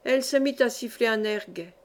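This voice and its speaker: A woman narrating a classic novel as an audiobook in a measured, steady storytelling voice. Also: a little high. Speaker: audiobook reader. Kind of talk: scripted narration.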